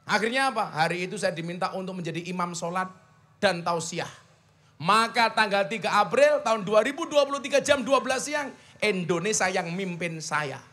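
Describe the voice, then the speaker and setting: A man's voice: sits high, expressive, moderate pace, bright, forceful tone. A middle-aged man with a Javanese accent preaching a sermon at a religious gathering, emphatic and full of rhetorical questions.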